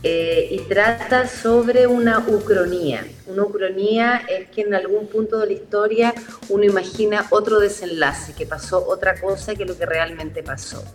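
Measured woman guest. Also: medium pitch, faint music behind. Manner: measured, explanatory. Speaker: theatre guest. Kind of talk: interview.

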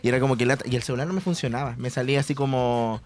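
A man's voice: medium pitch, very fast, a little mellow. A young man with a Chilean accent, co-hosting a radio chat and telling a story animatedly, acting out the voices. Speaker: radio show co-host. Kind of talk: casual chat.

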